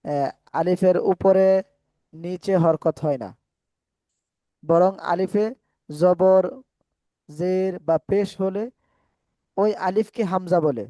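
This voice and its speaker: High-voiced man teaching Quran online. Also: mellow, no echo. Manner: patient, explains step by step, drawn-out chanted recitation examples.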